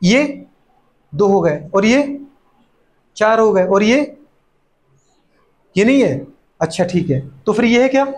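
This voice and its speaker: High-voiced man teaching chemistry, teasing. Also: expressive. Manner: playful scolding, voices students' replies; fast repeated catchphrases and rhetorical questions. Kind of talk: classroom lecture.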